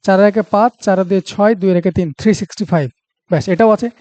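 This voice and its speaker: Give me a high, mellow-voiced Bengali man teaching an exam-prep reasoning class, thinking aloud step by step. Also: quick pace, no room sound. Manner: talks through steps aloud, checking with students.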